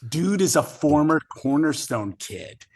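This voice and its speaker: A man who is a guest musician tells an animated story, excited and profane, often laughing as he talks. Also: fairly high pitch, a little slow.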